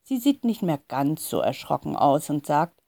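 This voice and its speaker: A woman reading a children's story aloud in a calm, expressive way. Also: low-pitched, normal speed, gravelly, dry recording. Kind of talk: scripted storybook narration.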